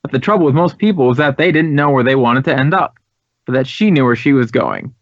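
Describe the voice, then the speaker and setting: This 1950s radio drama dialogue features an American man as an earnest, chatty head of a drama school, his phrasing emphatic and reflective. He speaks at medium pitch, very animated and a little fast, captured dry and dull on a vintage radio recording without room sound.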